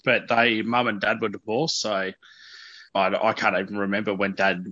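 Speaking with a lowish, sharp-toned voice, this Australian man in his early thirties answers interview questions candidly at a moderate, level pace. He comes across as informal, hesitant and self-deprecating. There's no room sound, though the audio has a dull, lo-fi radio quality.

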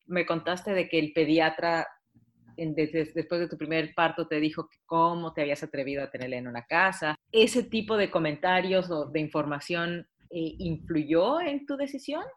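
A woman interviewer asking gentle, probing questions with a few restarts. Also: low voice, lively intonation, moderate pace.

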